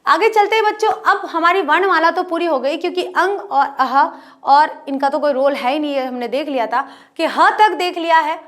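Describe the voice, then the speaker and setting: A woman teacher who explains step by step, repeats letters slowly and asks her pupils questions. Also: sits high, fairly bright tone. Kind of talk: online class lesson.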